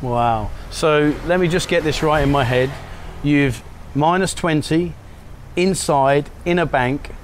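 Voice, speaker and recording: A man's voice: a little high, slow pace, a little hiss or hum. A man hosting a casual interview show outdoors, upbeat and teasing as he asks questions. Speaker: show host. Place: outdoors at a beachside cafe.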